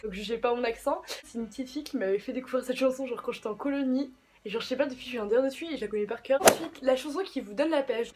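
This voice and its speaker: A woman's voice: a little high, racing, few pauses, noisy background. A young woman vlogger chatting casually about songs, with lots of slang and fillers. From of Portuguese descent. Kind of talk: casual chat.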